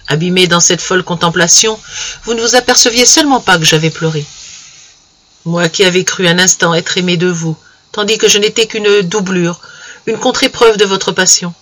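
A man reading the part of a heartbroken young German girl, gentle and softly reproachful, in a storybook reading. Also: high-pitched. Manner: soft pleading reproach.

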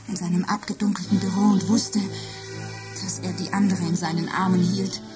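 A woman playing a lovesick, jealous female office computer in a radio drama, speaking softly and often in a whisper. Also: on the low side, flat delivery, normal speed, over music, lightly acted. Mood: obsessive, tender. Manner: soft, intimate, often whispering. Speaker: computer character.

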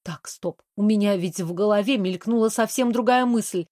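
A woman reading a novel aloud as first-person narrator, in a lively, expressive manner. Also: mid-range voice, moderate pace, dry recording, clean studio sound. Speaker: audiobook narrator.

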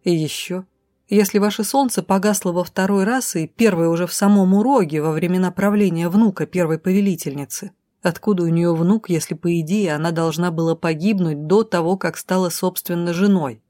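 Dark-voiced woman reading an audiobook. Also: on the low side, a little fast, dry recording, clean studio sound. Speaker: audiobook narrator. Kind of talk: audiobook reading of a fantasy novel.

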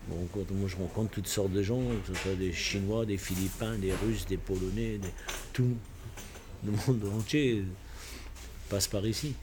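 A man's voice: on the low side, fairly even intonation, background noise. A man in his sixties, born in Portugal with Portuguese as his first language, talking hesitantly and reflectively about his life in an interview. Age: 60s. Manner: reflective, hesitant, halting with restarts. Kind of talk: casual spoken recollection. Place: bar.

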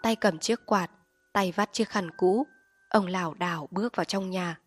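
A woman narrating an audiobook in a calm, measured storytelling voice. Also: lowish voice, soft background music. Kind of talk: audiobook reading.

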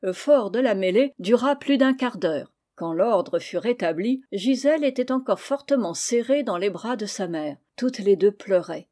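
A woman narrating a classic novel as an audiobook, with measured, clear phrasing. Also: mid-range voice, expressive, warm tone. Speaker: audiobook reader.

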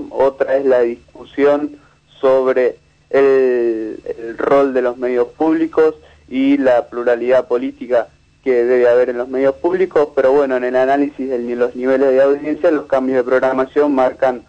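A man, a media researcher giving a measured, analytical interview with frequent restarts. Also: medium pitch, lo-fi sound.

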